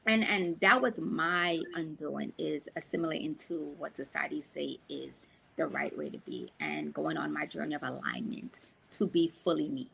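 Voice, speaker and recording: A woman's voice: deep voice, normal speed, vocal fry, slight background noise. A woman in her forties from Brooklyn with a Guyanese-tinged Brooklyn Caribbean accent, telling a story as a panelist. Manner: animated storyteller, acts out quotes. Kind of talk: casual panel discussion.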